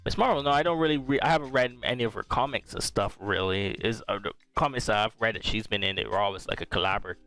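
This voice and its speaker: Easygoing man with a smooth low voice. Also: quick pace, few pauses, sharp tone. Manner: rambling, easygoing, often restarts his sentences. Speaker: podcast host. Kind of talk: casual pop-culture review chat.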